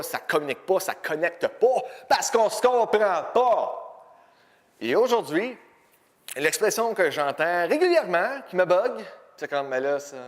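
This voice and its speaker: Man, Quebec French accent, high pitch, stand-up style questioning, long hall reverb. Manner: colloquial, rhetorical questioning. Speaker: comedian host. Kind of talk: observational comedy monologue.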